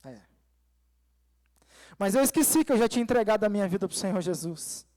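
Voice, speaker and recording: High-voiced male pastor in a reverberant church hall. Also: animated, brisk, darkish tone. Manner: storytelling, addressing the congregation as dear ones and brothers. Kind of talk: sermon. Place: church service.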